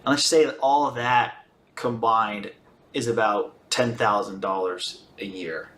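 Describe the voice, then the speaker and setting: A man's voice: lowish voice, fairly even intonation, measured pace, fairly bright tone, a little hiss or hum. Man explaining methodically in an echoey room. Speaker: video presenter on finance. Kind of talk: explanatory monologue. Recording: roomy, echoing sound.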